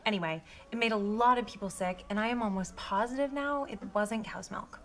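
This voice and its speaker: An actress playing an earnest rambling waitress. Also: female voice, mid-range voice, brisk, a bit bright, close to an everyday voice. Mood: confiding. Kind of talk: sitcom acting.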